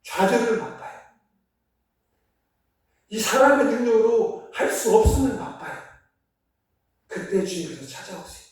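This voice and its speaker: A man preaching a Sunday sermon as pastor, earnestly swinging between loud emphasis and soft, hushed passages. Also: sits high, sing-song, a little slow, long pauses, very echoey, distant mic. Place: church sanctuary.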